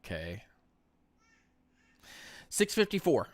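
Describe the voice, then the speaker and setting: A young man hosting a live stream, giving excitable play-by-play commentary as he watches a football game. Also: medium pitch, slow. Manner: excitable play-by-play, rising loud on big plays.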